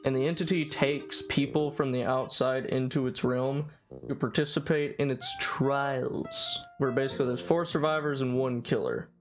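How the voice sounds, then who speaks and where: A young man talks through a casual game in a loose, rambling way, stumbling and repeating himself as he goes. His pitch sits in an ordinary middle range, and he breaks into laughter often. Faint music plays underneath. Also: steady tone, moderate pace. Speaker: YouTuber hosting a guessing game. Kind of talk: casual chat. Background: background music.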